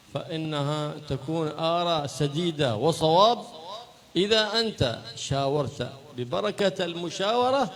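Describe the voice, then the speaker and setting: A man from Yemen preaching a religious lecture, chanting the sayings he quotes. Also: on the high side. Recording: long reverb of a large hall.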